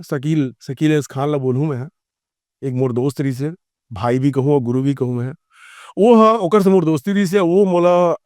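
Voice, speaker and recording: A man's voice: on the high side, no room sound, clean studio sound. A middle-aged man with a Chhattisgarhi accent telling stories in a casual interview, rambling and acting out the lines he quotes. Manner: rambling, animated, acts out quoted dialogue. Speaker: filmmaker and theatre actor.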